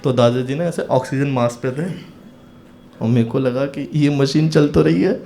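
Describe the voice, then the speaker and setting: A male stand-up comedian telling a story in front of an audience, acting out every line of dialogue and landing punchlines loud. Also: medium pitch, steady tone, gravelly, noisy background. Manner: acts out dialogue in quick voices, sudden loud punchlines. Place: comedy stage before a live audience.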